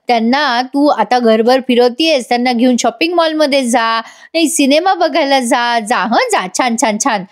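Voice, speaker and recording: A woman's voice: high voice, close to an everyday voice. A woman voicing a jealous young woman who taunts and scolds sarcastically. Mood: sneering.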